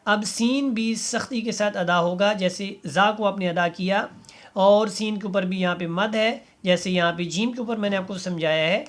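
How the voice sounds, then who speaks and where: A man teaching a Quran reading lesson, drawing out each letter slowly and then explaining how to pronounce it, asking learners to repeat after him. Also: high-pitched, fairly bright tone. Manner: slow drawn-out letter recitation between explanations; patient instructive tone, asks learners to repeat. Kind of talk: step-by-step recitation lesson.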